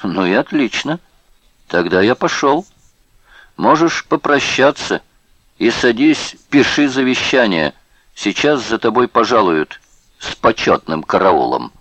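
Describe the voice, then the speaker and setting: A brutal male camp guard jeers in a raised, loud voice, as a man puts him on in an audiobook. The sneer rides on a pitch well above the reader's own deep voice. The recording is close and dry. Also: very animated, measured pace, dry recording. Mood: jeering. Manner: jeering, sneering.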